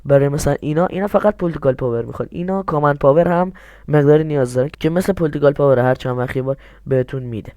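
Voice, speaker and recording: Young guy doing a game tutorial, mellow voice, kinda high, asks himself stuff then answers it. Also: clean tone, dry recording, studio quality. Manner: explains step by step, asks and answers his own questions. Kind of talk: screen-recorded game tutorial.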